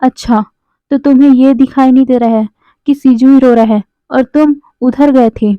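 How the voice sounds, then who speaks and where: A protective young father scolds and accuses his partner, as a woman narrator voices him in her fairly high register. The sound is dry and narrow, like a phone line. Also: fairly even intonation, normal speed, no echo, close to an everyday voice. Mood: scolding.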